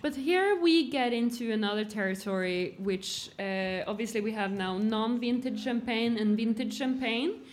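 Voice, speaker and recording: A woman's voice: a little high, moderate pace, few pauses. Curious woman hosting a podcast. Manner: curious, guiding the questions. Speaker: podcast host. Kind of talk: live podcast interview.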